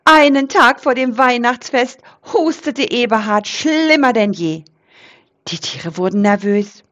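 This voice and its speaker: Slow, lively woman storyteller. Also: on the high side, highs cut off. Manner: expressive storybook reading with lively voices. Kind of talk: reading a children's Christmas story aloud.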